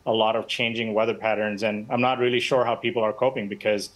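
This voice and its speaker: Through lo-fi sound, a man from Bangladesh gives eyewitness comments in a live remote news interview. His lowish voice is flat and quick, casual in manner, with frequent fillers and restarts.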